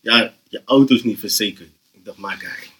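A young man, telling an animated, slang-heavy story on a casual podcast and often laughing. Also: lowish voice, moderate pace. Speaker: podcast host.

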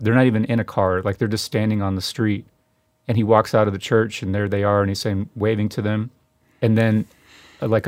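A man co-hosting a film podcast, chatting casually in a halting, rambling way with many restarts. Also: fairly low pitch, no echo. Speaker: podcast co-host.

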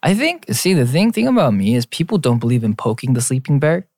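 A man in his late twenties, a young adult, co-hosts a podcast in casual chat, playful and teasing toward his co-host as he reads out lists. His medium-pitched, slightly mellow voice is fairly quick with big pitch swings, recorded dry with studio quality.

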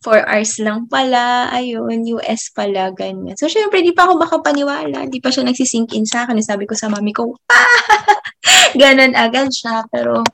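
A young woman with a slightly high voice tells a personal faith story to her viewers. She talks casually and laughs often. Many of her phrases fade into soft, quiet tag-offs. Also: normal speed, creaky. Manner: chatty, trails off softly after phrases, laughs often. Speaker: teacher. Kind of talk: casual faith testimony vlog.

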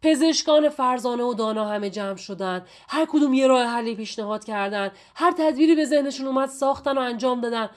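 A woman retelling and explaining an old Persian epic in a lively, chatty storytelling manner. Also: on the high side, hardly any pauses. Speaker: Shahnameh reader and explainer. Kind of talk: storytelling lesson.

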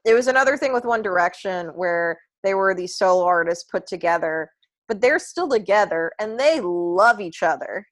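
A young woman with a low voice co-hosts a podcast, chatting casually about pop music at a moderate pace. She is expressive and rambles, using plenty of fillers and restarts.

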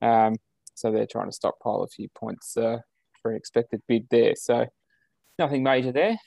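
An Australian man co-hosts a podcast over a video call, his medium-pitched voice gravelly and warm, with no room sound. He chats easygoingly at a moderate pace, chuckling and using lots of ums and uhs.

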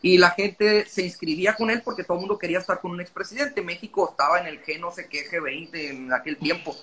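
A man's voice: high voice, steady tone, fast talker, bright, forceful tone. A man explaining his views in casual conversation, talkative and often breaking off mid-sentence. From Mexico.

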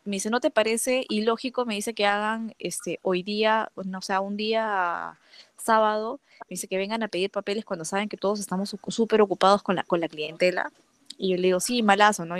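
A woman's voice: medium pitch, brisk, no room sound. A young woman casually telling a personal story, acting out the dialogue with lots of fillers. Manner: lively, acts out quoted dialogue, frequent fillers.

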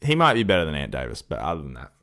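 A man's voice: extremely low pitch, wildly swooping pitch, rapid-fire, sharp tone. A man with an Australian accent in a casual sports chat, giving blunt, slangy opinions. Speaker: podcast co-host giving opinions.

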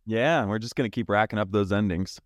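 A man with a lowish voice chats on a podcast. He laughs often and weighs his opinions with some hesitation. The sound is dry. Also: a little fast, no room sound. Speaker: podcast guest. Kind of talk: casual podcast chat.

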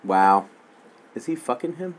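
A crude, excitable man reacting to a movie in casual chat. He talks slowly, and his pitch jumps all over the place. He laughs a lot between his remarks.

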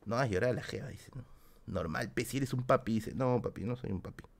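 A young streamer with a Peruvian Spanish accent chats casually on a late-night livestream, reading out donations and viewer comments in a self-deprecating way. His voice is mid-range, fast and creaky.

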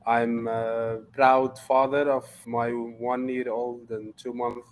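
A man in his thirties from Lebanon, a guest in a casual interview, speaking in a relaxed way and often repeating words as he thinks. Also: mid-range voice, takes it slowly, a little hiss or hum, rough recording.

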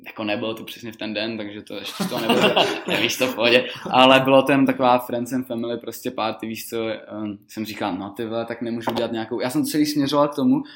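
A man chats casually as a podcast guest. He rambles through his stories, laughs easily and leans on fillers. His pitch sits in the middle of the male range. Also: few pauses, a bit bright. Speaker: guest rapper. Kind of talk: casual storytelling.

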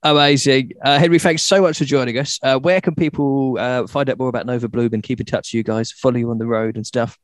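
A man's voice: mid-range voice, fairly even intonation, quick pace, few pauses, dry recording. A man, hosting a radio interview in a casual, chatty style.

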